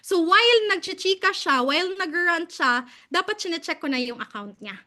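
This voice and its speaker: Bright high-voiced Filipino woman storyteller. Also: moderate pace. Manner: animated, laughs often, mixes Tagalog and English. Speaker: guest speaker. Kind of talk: casual storytelling talk.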